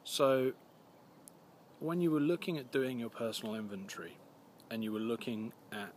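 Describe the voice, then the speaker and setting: A man with a gruff, scratchy voice, hoarse from a cold, giving earnest, plain-spoken, encouraging advice to viewers in a casual vlog. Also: mid-range voice, moderate pace. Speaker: recovery video series host.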